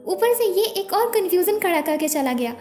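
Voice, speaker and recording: Chatty, teasing young girlfriend, read by a woman, high and bright storybook voice. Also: lively intonation, a little fast. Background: background music.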